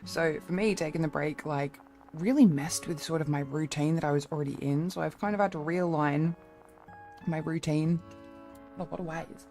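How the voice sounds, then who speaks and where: A woman's voice: low-pitched, moderate pace, warm tone, faint music behind. A young woman streamer chatting casually with her viewers, rambling and swearing freely.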